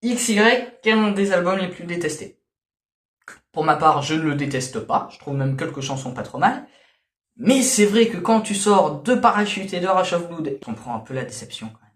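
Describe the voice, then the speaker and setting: A man reviews albums in a loose, grumbling way, often stopping on fillers. His voice sits a little high. The room around him is echoey. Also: lively intonation, normal speed. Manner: grumbling, hesitant, many fillers. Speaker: music reviewer. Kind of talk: casual review commentary.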